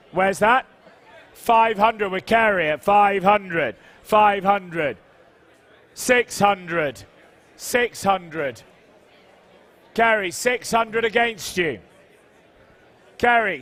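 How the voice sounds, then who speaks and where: High-pitched male auctioneer calling bids. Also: a bit bright. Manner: auctioneer's repetitive bid calling, coaxing bidders.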